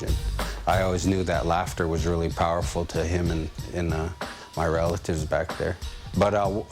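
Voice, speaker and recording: A man from the United States, a musician and comedian, telling a story on stage in a relaxed, folksy way. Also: sits low.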